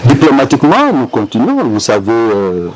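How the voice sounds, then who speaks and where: A man speaking as a rebel group spokesperson in a press interview, halting with many hesitations. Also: medium pitch, wildly swooping pitch, slight background noise, poor audio.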